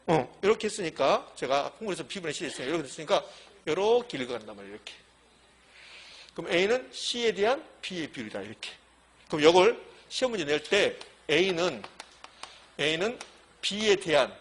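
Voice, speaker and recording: Male exam-prep lecturer, middle-aged, emphatic and repetitive, lively pitch. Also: breathy edge. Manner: emphatic, repetitive, walks through board examples. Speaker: real estate exam lecturer. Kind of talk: classroom lecture. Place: classroom with a blackboard.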